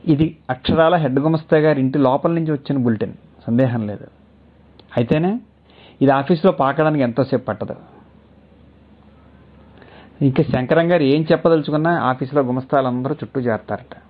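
A man narrating a written story in a measured, literary reading style. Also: mid-range voice. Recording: tinny phone-like audio.

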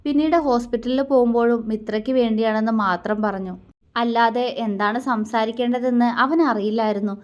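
Woman, storyteller, romance story narration, soft, expressive, fairly high voice. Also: brisk, clear, resonant tone.

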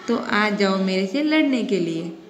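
A woman's voice: medium pitch, animated, unhurried, close to an everyday voice. A woman voicing a small, cheeky female fly who mocks and defies a lion in a storybook reading recorded in an echoey room. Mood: defiant. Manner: defiant, mocking.

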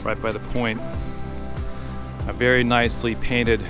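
A man in his fifties hosting a sailing vlog, chatting casually to a handheld camera on a sailboat, relaxed and rambling with fillers. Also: medium pitch, unhurried, music in the background. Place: outdoors on a sailboat on a river. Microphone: phone held at arm's length.

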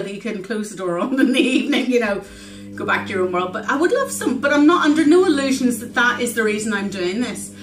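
A woman's voice: mid-range voice, far from the mic, background noise. A woman in her forties talking earnestly in a personal diary vlog, reflective and full of ums and restarts. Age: 40s. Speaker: vlogger keeping a weight-loss diary. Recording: roomy echo with steady background ambience.

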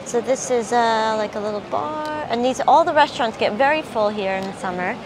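Higher-voiced New York woman, noisy street. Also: brisk. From Long Island, New York. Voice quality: New York accent, slightly softened. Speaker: local guide. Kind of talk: casual chat, explaining local tips. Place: outdoors, evening streets and harbor overlook. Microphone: clip-on lavalier. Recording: noisy outdoor street ambience.

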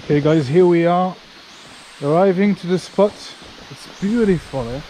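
A man's voice: high-pitched, normal speed, mellow, rough recording. A man giving casual, informal travel vlog commentary while outdoors, chatting freely. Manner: informal, chatty, occasional swearing. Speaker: travel vlogger. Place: outdoors on forest walking paths. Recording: outdoor ambience noise.

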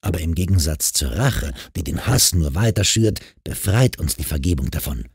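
A man voicing a calm, caring grown man in an audiobook who patiently talks a troubled girl round. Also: sits low, normal speed, slightly rough, no room sound, studio quality, full character voice. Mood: earnest.

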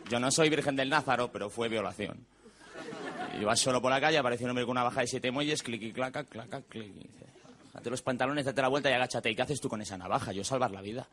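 Stand-up comedian over crowd laughter. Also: male voice. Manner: quick deadpan punchlines, mimics relatives in a higher voice. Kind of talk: stand-up monologue. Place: stage before a live audience. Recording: stage recording with audience laughter and noise.

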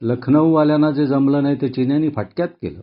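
A man voicing a frightened, beaten young army wireless operator who pleads in a high, strained, sobbing voice. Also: fast talker, dull audio, natural voice. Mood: bitter.

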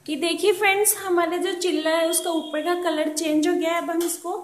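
High-voiced woman teaching a cooking recipe. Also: a little fast. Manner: calm, patient instructional talk, repeats tips. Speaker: cooking channel host. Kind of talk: step-by-step cooking demonstration. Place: home kitchen at a gas stove. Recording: roomy kitchen echo with pan sounds.

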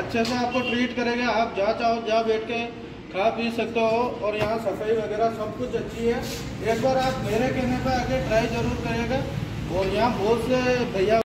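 A young man food vlogger, upbeat, interviewing restaurant staff and customers on a handheld phone. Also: extremely high pitch. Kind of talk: casual restaurant review vlog. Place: restaurant with rooftop seating. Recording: echoey, distant phone audio with clear noise.

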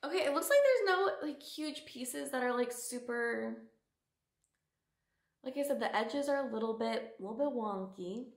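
A woman's voice: on the high side, expressive, normal speed, gravelly. A woman vlogger chatting casually through a product review, full of fillers and an occasional whisper. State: morning voice. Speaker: beauty vlogger. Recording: echoey room.

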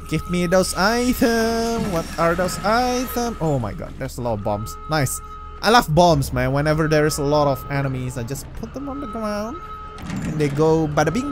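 A man commenting on his horror game run, talking to himself and bursting into startled outbursts. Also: fairly high pitch. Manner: excitable, jumpy, talks to himself with loud startled outbursts. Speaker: gameplay commentator. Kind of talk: let's play commentary. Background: game music and sound.

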